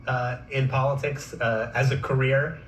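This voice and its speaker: A man hosting a political news program, asking questions in a brisk, conversational way. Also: medium pitch, level tone, a bit bright, roomy sound, slight background noise, low-quality recording. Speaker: TV news host.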